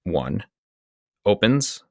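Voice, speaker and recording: Deep voiced dude on a chat podcast, chatty, trips over words sometimes, dry mic. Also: male voice, very slow, dry recording. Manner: chatty, stumbles and restarts when animated. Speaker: podcast co-host. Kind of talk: casual chat.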